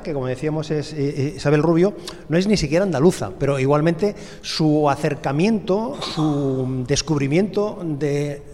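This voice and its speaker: A man's voice: fairly high pitch, mellow. Formal male radio host, echoey. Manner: courteous, formal, probing questions. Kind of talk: radio interview and narration. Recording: reverberant room.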